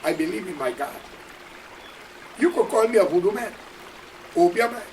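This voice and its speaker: Emphatic high-voiced Guyanese man. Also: expressive, normal speed, a little mellow, far from the mic, slight background noise, poor audio. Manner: preachy, emphatic, addresses listeners directly. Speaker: political commentator. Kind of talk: impassioned monologue.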